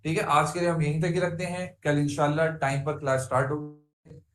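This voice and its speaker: Man, high pitch, echoey classroom, quizzing students, chanting word forms. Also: flat delivery, a little fast, fairly bright tone. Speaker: teacher. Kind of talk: classroom grammar lesson.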